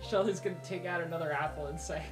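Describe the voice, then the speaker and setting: A woman's voice: sits low, fast talker, music in the background, poor audio. Playful woman tabletop player. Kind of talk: casual tabletop game play.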